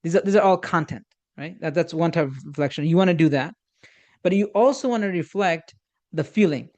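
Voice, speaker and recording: Man, slightly high voice, halting lecture, lots of restarts and fillers, religious phrases, acts out dialogue. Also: darkish tone. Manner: halting, many repeated starts and fillers; uses Islamic religious phrases and Arabic quotes. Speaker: instructor on communication. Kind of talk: informal workshop lecture.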